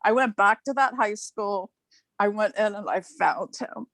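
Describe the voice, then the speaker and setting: A woman's voice: medium pitch, unhurried, fairly bright tone, dry recording. A woman in her sixties from Ohio, a new club member, telling a heartfelt personal story on a video call, chatty and laughing between phrases. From Ohio, USA. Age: 60s.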